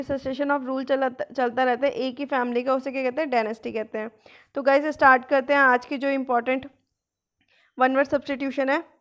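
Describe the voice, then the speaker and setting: A woman teacher giving an online vocabulary lesson, mixing Hindi and English, posing questions and answering them herself, and reading English definitions slowly. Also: high voice, highs cut off. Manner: explains in Hindi mixed with English, asks and answers own questions. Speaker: exam-prep teacher.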